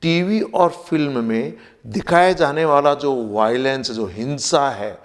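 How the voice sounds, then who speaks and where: Guy teaching vocab, slow and careful, spells stuff out, voice rings in a reverby room. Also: mid-range voice. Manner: slow, explanatory, spells words out letter by letter and repeats pronunciations. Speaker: vocabulary teacher for competitive exams. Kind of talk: Hindi-English mixed vocabulary lesson. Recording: long reverb.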